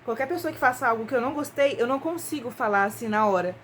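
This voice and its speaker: A woman's voice: a little high, lively intonation, quick pace, a little hiss or hum. A young Brazilian woman talking casually and intimately to her viewers, often hesitating and repeating words. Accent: Brazilian Portuguese. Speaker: vlogger. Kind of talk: casual confessional chat to viewers.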